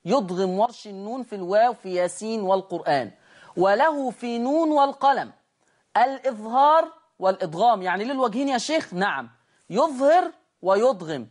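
Teaching the rules of Quran recitation, a man with an Egyptian Arabic accent recites each example slowly and carefully, then explains it in quick, chatty bursts. His voice sits high with lively intonation, and he speaks directly to his class, often checking that the students are keeping up.

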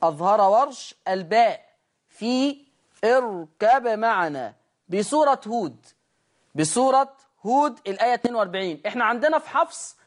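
A man with an Egyptian Arabic accent teaching a recitation lesson. He slowly stretches out each recited example, then explains it quickly and checks that his class is following. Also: very high-pitched, animated. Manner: addresses the class directly and checks they follow.

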